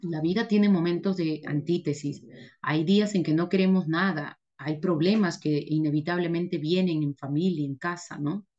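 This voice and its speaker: A woman's voice: fairly low pitch, steady tone, normal speed, a little mellow, dull audio. A woman teacher giving an emphatic motivational lecture, repeating her points and answering her own rhetorical questions. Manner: emphatic, repetitive, asks herself rhetorical questions.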